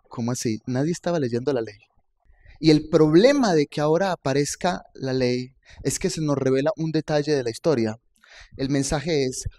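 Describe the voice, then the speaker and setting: Guy preaching, kinda higher voice, chatty sermon, keeps asking the crowd questions. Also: darkish tone. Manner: conversational preaching, rhetorical questions to the congregation; rises to emphatic peaks on key points. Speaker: pastor.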